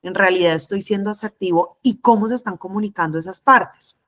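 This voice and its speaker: Speaking at a medium pitch with a bit of brightness, this middle-aged woman gives a lecture to trainee conciliators, setting out her points one by one in a measured, explanatory manner.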